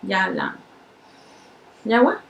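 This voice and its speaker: A woman's voice: medium pitch, big pitch swings, slow, vocal fry, dull audio, noisy background. A tipsy woman with a Spanish accent hosts a casual makeup tutorial, rambling in a giggly drunk way. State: tipsy from shots.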